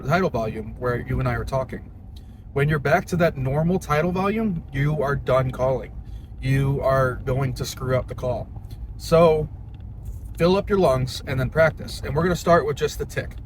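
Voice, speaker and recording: A medium-pitched young man at a moderate pace offers an informal, plain-spoken duck-calling tutorial, teaching it like a hobbyist sharing a skill. The audio is noisy, with car sounds and ambient noise.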